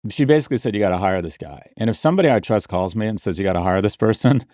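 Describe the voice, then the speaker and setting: A deep-voiced middle-aged man talks bluntly and wryly into a close mic, poking fun at himself as he answers a listener question. The recording is dry, with no room sound. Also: expressive, fast, darkish tone, no room sound. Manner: blunt, wry and self-mocking. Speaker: podcast host. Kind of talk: casual podcast advice and ad read.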